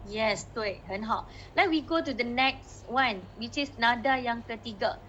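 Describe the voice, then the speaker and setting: A woman's voice: fairly high pitch, measured pace, a bit bright, muffled recording, slight background noise. A woman with a Malaysian Malay accent teaching a Mandarin class, coaxing students and modeling the tones as she mixes languages.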